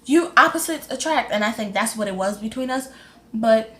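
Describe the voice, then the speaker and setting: Animated young woman telling a story. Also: fairly high pitch, moderate pace. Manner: animated, frustrated retelling with lively quoted voices. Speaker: vlogger. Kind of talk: casual storytime vlog.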